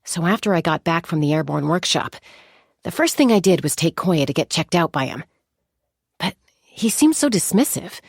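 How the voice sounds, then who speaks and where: A confident young warrior woman from a game, a seasoned flyer and peacemaker, delivers a scripted monologue as amused storytelling. Her lowish voice carries some gravel, calm and articulate, measured and reflective, with a dry, close sound and no room noise.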